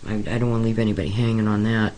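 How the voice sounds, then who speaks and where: A man recounting personal experiences in an interview, hesitant and earnest, with many pauses and fillers. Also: fairly low pitch, flat delivery, darkish tone, rough recording. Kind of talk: slow, halting personal account.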